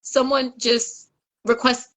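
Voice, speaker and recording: A woman hosts a casual podcast with a laid-back, slangy, playful way of talking. Her voice is high. The sound is dry and close-miked. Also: level tone, slow pace, fairly bright tone, dry recording. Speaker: podcast host. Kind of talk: casual chat.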